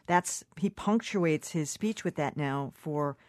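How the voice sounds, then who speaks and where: A woman's voice: deep voice, slow pace, a little mellow, no room sound, studio quality. A woman hosting a radio talk panel, asking probing questions in a conversational way. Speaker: radio talk show host.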